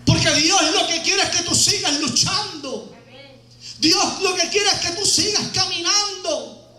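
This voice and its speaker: A man preaching a fiery sermon as an evangelist, shouting and driving his points home with repeated phrases. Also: extremely high pitch, unhurried. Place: church hall. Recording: echoey church hall with faint music.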